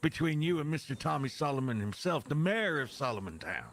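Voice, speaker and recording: A man's voice: a little high, big pitch swings, brisk, fairly bright tone, a little hiss or hum. A man voicing a folksy, foul-mouthed cowboy peacemaker who rambles and repeats himself in an improvised western role-play. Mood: friendly, earnest.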